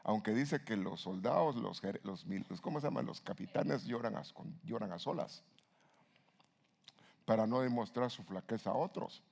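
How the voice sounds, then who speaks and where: A male pastor preaching a sermon, with sudden loud rises and rhetorical questions to the congregation. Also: fairly low pitch, lively intonation, moderate pace, vocal fry.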